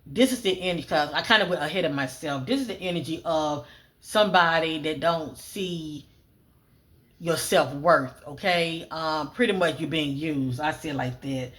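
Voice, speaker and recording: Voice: medium pitch, moderate pace, fairly bright tone. A psychic energy reader speaking casually, reeling off clipped fragment cues, repeating phrases and rereading notes aloud between frequent fillers. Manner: lists clipped fragment cues, often "I'm getting". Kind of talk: solo psychic reading, spoken monologue.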